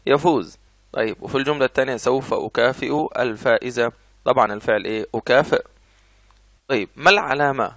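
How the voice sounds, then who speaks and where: A man with an Egyptian Arabic accent explains grammar in an ordinary middle-pitched voice. He reads each example twice and then asks and answers his own questions. The recording is dry and close, with no room sound. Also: fairly bright tone, dry recording. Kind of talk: explanatory lesson.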